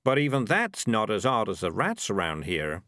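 A man voicing a sly, dry-witted male cat who talks in a low, quiet, sardonic way. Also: wildly swooping pitch, moderate pace, no room sound. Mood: quiet, wry.

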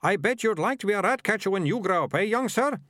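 A high shrill rat catcher sidekick, gleeful, loud, cackling, dry close sound. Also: male voice, lively intonation, fast, no echo. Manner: high, cackling, pleased with his own jokes.

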